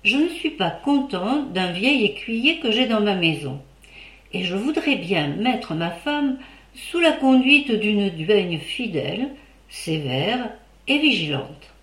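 Woman narrator doing a formal, fussy male doctor, measured and proper, with a roomy echo; a storybook reading. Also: mid-range voice, sing-song, a bit bright. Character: middle-aged male doctor, fussy husband.

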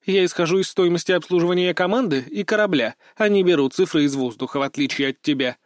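A man's voice: sits high, fast, no echo, clean studio sound, voice pushed up, lightly acted. A man voicing a stern, curt woman ship captain in an audiobook. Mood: sharp. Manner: curt, sharp, strict. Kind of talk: audiobook character voice.

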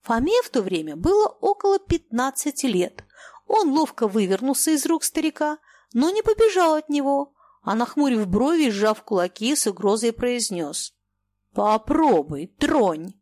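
A woman narrating an audiobook in a measured, expressive storytelling manner. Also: sits high, no room sound. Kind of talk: scripted narration.

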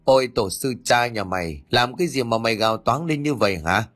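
A man's voice: medium pitch, a little fast, a bit bright, lightly acted. A man playing a foul-mouthed scolding old woman. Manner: coarse, bossy scolding. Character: foul-mouthed, scolding elderly mother-in-law.

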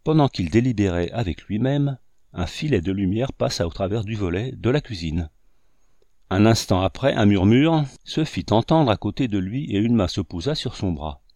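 A man's voice: lowish voice, lively intonation, moderate pace, warm tone, no echo. A man narrating a novel aloud, raising his voice a little for the characters' dialogue. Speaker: audiobook narrator. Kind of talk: reading a novel aloud, voicing the characters lightly.

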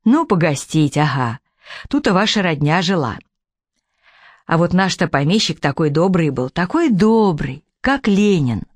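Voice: mid-range voice, big pitch swings, unhurried, no echo. Pious old peasant woman, as a male reader puts her on, rural dialect, dry recording. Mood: chatty.

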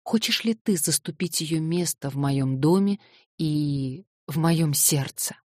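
A woman's voice: low voice, slow, a little mellow, dry recording, clean studio sound. A woman reading an audiobook voices a grieving, feverish old man who pleads sorrowfully. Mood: sorrowful pleading.

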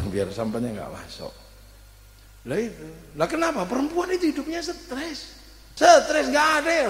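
A man giving a humorous sermon to an audience, telling comic stories. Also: very high-pitched. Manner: animated comic storytelling with audience laughter. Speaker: preacher. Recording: echoey hall with long reverb.

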